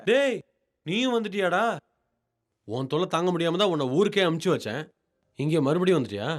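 An actor playing an exasperated young man in a comedy film, scolding in quick outbursts. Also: fairly high pitch, big pitch swings. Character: exasperated young son-in-law. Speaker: film hero, the son-in-law.

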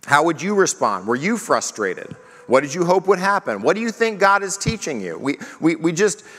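A man preaching as pastor at a parenting conference, talking lively and acting out the questions he asks his children. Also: on the high side, long reverb tail. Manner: animated, acts out questions to his kids.

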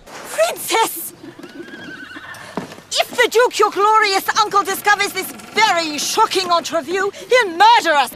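A frantic, fretful young lady-in-waiting, her voice soaring very high as she drags her words out slowly. The film audio is noisy, with horses clopping and neighing behind her. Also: lively intonation, full character voice. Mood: alarmed. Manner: frantic, exclamatory. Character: anxious, fretful young female attendant to a princess. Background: horses clip-clopping and neighing.

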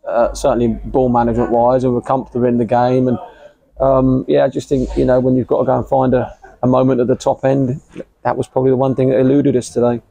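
Middle-aged English football manager, gravelly and mellow, measured post-match answers, recorded outdoors at a ground. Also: male voice, mid-range voice, little pitch movement, no room sound, poor audio. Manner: measured, hesitant, many fillers and repeats. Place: outdoors under a covered stand at a football ground.

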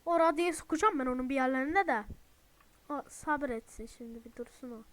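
A young woman streaming a horror game, swearing a lot, yelling in panic at the enemies and then whispering pleas not to be seen. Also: high-pitched, a little fast, no echo. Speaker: gaming streamer. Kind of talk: horror game let's play commentary. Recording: faint background noise.

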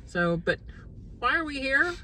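A woman, chatting in a lively, rambling way while vlogging from a parked car. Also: high voice, a little slow. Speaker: homestead vlogger. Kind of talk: casual chat. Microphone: phone on the dashboard. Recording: slightly distant phone mic with faint car noise.

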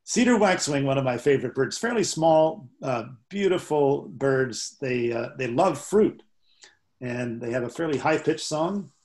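A man presenting a seminar on songbirds, speaking in a halting, informal lecture style with frequent fillers and imitating bird songs aloud. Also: medium pitch, animated, a little mellow, low-quality recording.

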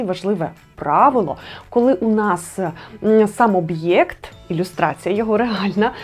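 A young adult woman teaching a lesson, explaining clearly and emphatically. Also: mid-range voice, a little mellow. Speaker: Ukrainian language teacher. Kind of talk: instructional video lesson.

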